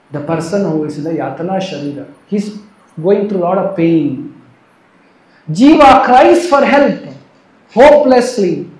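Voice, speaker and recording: A man giving an earnest devotional sermon, moving between soft and emphatic delivery. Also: high voice. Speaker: preacher. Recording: roomy echo.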